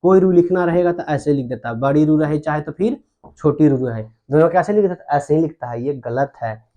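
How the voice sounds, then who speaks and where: A man's voice: fairly high pitch, expressive, a little fast, mellow. A man teaching Hindi grammar at a board, who repeats terms and asks his students questions. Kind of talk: whiteboard grammar lesson.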